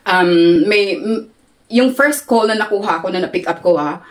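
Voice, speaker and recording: A Filipino woman giving a casual interview, animated and laughing often as she talks. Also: medium pitch, moderate pace. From Philippines. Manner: animated, laughs often, mixes Tagalog and English. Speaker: interview guest.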